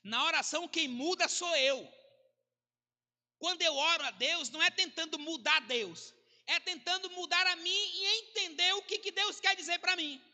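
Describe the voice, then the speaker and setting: A male pastor, preaching a sermon in a conversational way, mixing jokes with sudden swings between soft and loud. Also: very high-pitched, moderate pace. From Brazil. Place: church hall. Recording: reverberant church hall.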